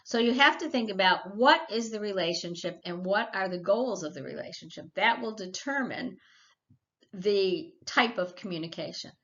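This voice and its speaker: A woman's voice: medium pitch, expressive, moderate pace, fairly bright tone, muffled recording. A middle-aged woman giving a recorded college lecture in a chatty, practical way, with personal stories and asides. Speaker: college instructor.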